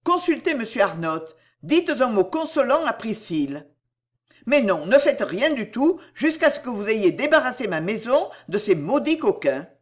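A reader voicing a desperate, ruined man in an audiobook, speaking in a loud, impassioned way. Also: mid-range voice, very animated, moderate pace, voice pushed up, close to an everyday voice. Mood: effusive. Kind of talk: audiobook reading.

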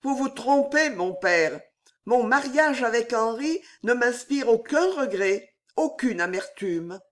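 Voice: mid-range voice, big pitch swings, takes it slowly. A reader voicing a young woman who hides her despair, speaking firmly and with control. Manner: firm, controlled. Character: young bride hiding despair, resolute. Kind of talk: audiobook character reading.

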